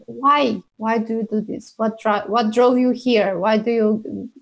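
Female moderator, gravelly voice, asks questions and keeps rephrasing. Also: on the high side, steady tone, a little slow. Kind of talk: asking questions on a panel.

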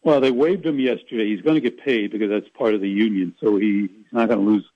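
A man's voice: lowish voice, quick pace, slightly rough, no room sound, highs cut off. A man calling in to a radio show as a sports reporter, chatting casually with rambling, folksy asides. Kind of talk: casual radio phone-in chat.

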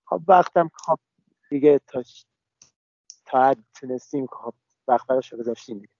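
Young man, phone line, gravelly voice, dull lo-fi sound, halting answers with restarts. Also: medium pitch, darkish tone, no echo. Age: young adult. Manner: halting, with many restarts and fillers. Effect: heard over a phone line. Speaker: interviewee. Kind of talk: casual phone interview.

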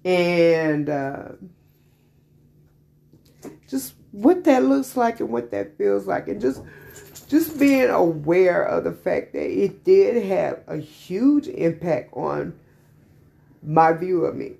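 A woman's voice: fairly low pitch, expressive, slow, creaky, pauses often, dark tone. A woman vlogger telling a personal story candidly, rambling and emotional with many restarts.

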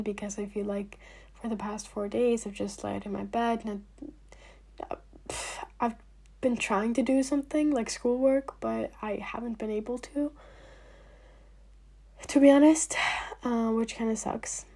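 Husky young woman, casual vlog chat. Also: on the high side, fairly even intonation, normal speed, warm tone. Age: young adult. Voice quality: husky, slightly hoarse. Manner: chatty, frequent fillers, drops to near-whispers. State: recovering from illness, clearing throat. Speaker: vlogger. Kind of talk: casual talk to camera.

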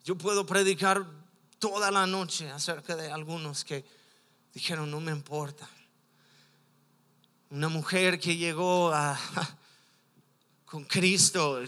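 A man's voice: on the high side, pushed and bright, big-room sound. A man preaching a sermon as pastor, impassioned, acting out the voices of people from stories he tells.

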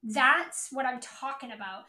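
A woman's voice: sits high, unhurried, sharp tone, echoey room. A woman giving a motivational business coaching talk in a blunt, emphatic, repetitive way, peppered with swearing.

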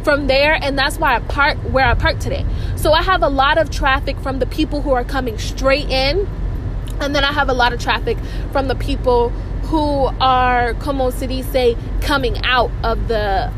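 A woman's voice: sits high, noisy background. A young adult woman talking casually in a rambling vlog monologue, often repeating her phrases for emphasis. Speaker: college student vlogger.

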